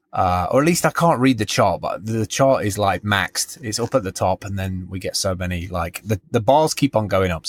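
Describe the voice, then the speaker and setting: A British podcast co-host with a lowish voice chats casually, rambling along, restarting sentences, interrupting himself and laughing often. The recording has no echo.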